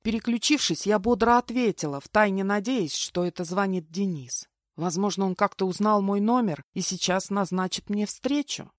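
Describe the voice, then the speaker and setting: A woman narrating a first-person story as an audiobook, with a lively, wry storytelling manner. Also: mid-range voice, moderate pace, hardly any pauses, no echo, studio quality.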